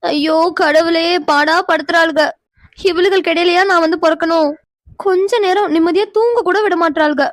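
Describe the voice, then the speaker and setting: A woman's voice: extremely high pitch, moderate pace, no echo, clean studio sound. A woman voicing a lazy, sleepy young woman in a cartoon, drowsy and whiny. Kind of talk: cartoon voice acting.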